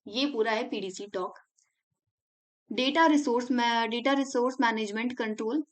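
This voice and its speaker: Young woman, tutor, casual revision lesson, mnemonic by mnemonic, Indian English terms, slightly high voice. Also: normal speed. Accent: Indian English words mixed into Hindi. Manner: chatty, explains mnemonics step by step.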